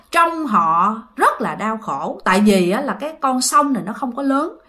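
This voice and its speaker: A chatty woman from Southern Vietnam tells a ghost story, speaking straight to her listeners. Her voice is fairly high-pitched with a fairly bright tone.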